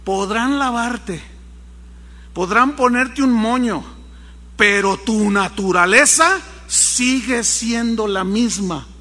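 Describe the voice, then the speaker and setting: A man preaching a sermon, telling a story with animated acted-out voices. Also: very high voice, slow pace, big-room sound. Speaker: pastor.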